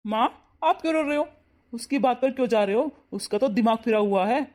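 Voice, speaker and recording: A voice actor playing a young husband and protective son in a cartoon, loud and scolding. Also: mid-range voice, brisk, lightly acted. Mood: coaxing. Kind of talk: cartoon voice acting.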